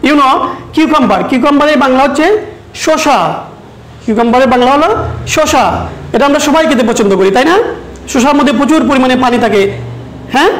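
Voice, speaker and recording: A woman teacher with a Bangladeshi accent, leading a recorded English lesson for children, repeating each word slowly and switching between English and Bengali. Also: sits high, echoey room, rough recording. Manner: slow, repeats words, mixes English and Bengali. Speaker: primary school English teacher.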